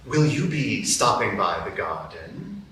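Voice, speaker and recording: A man voicing the Cheshire Cat, a sly, teasing and mysterious cat, in a slow, drawling, mocking way in a live radio play. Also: on the low side, very animated, sharp tone, full character voice. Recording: echoey room, mic from far off, faint background noise.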